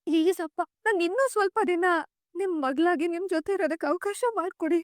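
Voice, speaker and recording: A woman's voice: very high-pitched, fairly quick, darkish tone, no room sound, clean studio sound. An actress playing a young adult daughter who pleads emotionally with her father, in a TV serial. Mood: pleading. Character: young adult daughter, betrayed, clinging to her parents' love. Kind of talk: TV serial acting.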